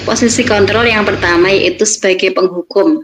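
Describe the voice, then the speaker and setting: A woman's voice: mid-range voice, fairly even intonation, normal speed, slight background noise, low-quality recording. A woman teacher from Indonesia giving a presentation on classroom practice, explaining steps plainly. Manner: explanatory, acts out teacher and pupil lines.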